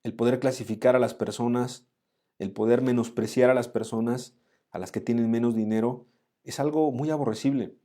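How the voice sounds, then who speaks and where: Guy teaching a bible study, earnest and direct, warm mellow voice. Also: mid-range voice, steady tone, normal speed. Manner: earnest, addresses listener directly.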